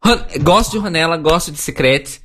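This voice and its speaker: A man's voice: on the high side, animated, moderate pace, pushed and bright. A man hosting a casual podcast chat, talking in an opinionated way and laughing often. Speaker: podcast host.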